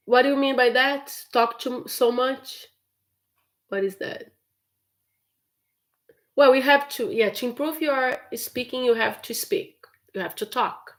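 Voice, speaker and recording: In a slightly high, somewhat bright voice, a Brazilian-accented woman whose native language is Portuguese answers questions as an English teacher during a live stream Q&A. She is chatty and encouraging, and she laughs often.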